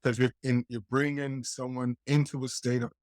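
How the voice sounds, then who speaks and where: A man's voice: mid-range voice, level tone, dry recording, studio quality. Man interviewing over a video call. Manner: halting, with many restarts. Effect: heard over a video call, dropping out at times. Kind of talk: casual conversation.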